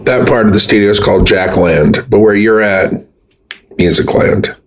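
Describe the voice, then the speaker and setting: A man with a fairly low voice co-hosting a relaxed podcast. He keeps a deadpan delivery while spinning absurd, overblown jokes. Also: normal speed. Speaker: podcast co-host. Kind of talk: casual podcast chat.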